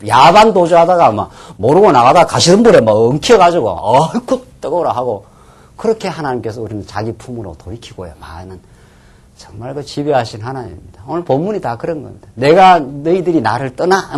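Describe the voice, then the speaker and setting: A man preaching a Bible lecture as a pastor, animated, sometimes dropping to a near-whisper for emphasis. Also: fairly high pitch, breathy edge. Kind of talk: sermon-style Bible lecture.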